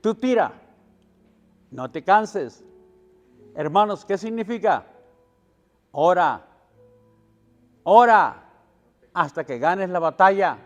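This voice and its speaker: A man with a high-pitched voice preaches to his congregation. He speaks at an unhurried pace, firing questions and answering them himself, and his voice rings out through a long-echoing church hall. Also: lively intonation, soft background music. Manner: preaching with call-and-response questions and swells in volume. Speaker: pastor. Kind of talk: sermon.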